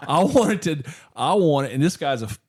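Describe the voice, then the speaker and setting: A man's voice: fairly high pitch, sing-song, normal speed, husky. A man co-hosting a podcast in a studio, chatting loosely, joking, laughing and swearing now and then. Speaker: podcast co-host. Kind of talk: casual chat.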